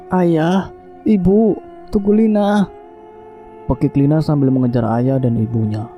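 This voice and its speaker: A male storyteller reading a horror story in a steady, scripted narration, slowing down on dramatic beats. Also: mid-range voice. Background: faint music.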